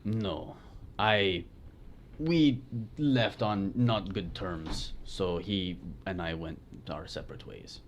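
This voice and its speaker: A man's voice: sits low, takes it slowly, slight background noise. A man putting on a surly prisoner with a bad Spanish accent. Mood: sullen. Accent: put-on bad Spanish accent. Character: captured male prisoner, surly and vengeful. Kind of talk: tabletop role-play.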